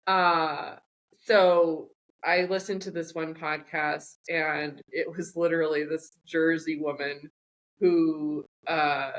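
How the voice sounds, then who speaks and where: A woman co-hosting a podcast in casual chat, telling stories in a joking, rambling way. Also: fairly low pitch. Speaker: podcast co-host.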